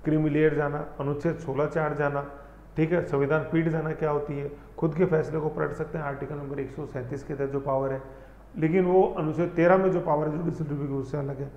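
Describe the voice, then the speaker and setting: A man's voice: on the high side, flat delivery, darkish tone. Man, teacher, exam-prep lesson, chatty check-ins, long reverb, muffled lo-fi sound. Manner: conversational, checks in constantly with "thik hai"; spells out pronunciation slowly, syllable by syllable. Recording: echoey, dull lo-fi room recording.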